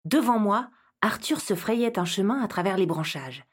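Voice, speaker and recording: A woman narrating a children's audio story in the first person, lively and expressive, with a slightly husky voice. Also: mid-range voice, normal speed.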